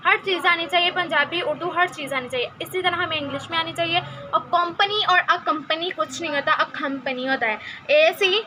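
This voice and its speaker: A woman with a Pakistani Urdu accent gives an informal English lesson, speaking in a very high, bright voice. She talks in a chatty way and slows right down to repeat each sound as a drill. A faint hiss of noise sits underneath the recording. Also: rough recording. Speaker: English tutor.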